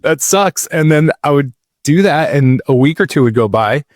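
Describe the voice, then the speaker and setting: Slightly high and animated, his voice moves at a moderate pace in a dry, studio-quality recording. He's a man in his thirties guesting on a podcast, loosely telling his life story in a relaxed, rambling way heavy with "like" and "dude."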